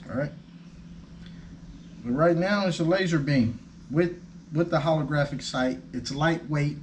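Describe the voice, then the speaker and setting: Slow folksy man. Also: fairly high pitch, a little hiss or hum. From United States. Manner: folksy, easygoing drawl. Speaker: airgun reviewer. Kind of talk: casual product review.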